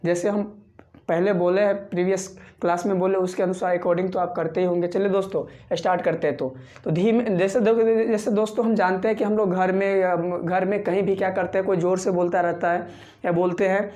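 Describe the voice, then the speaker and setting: Man, online English teacher, mellow tone, slow repetitive drilling. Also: high-pitched. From Bihar, India. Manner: repetitive drilling, repeats phrases slowly for learners; constantly addresses viewers as friends. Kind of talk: online spoken English lesson.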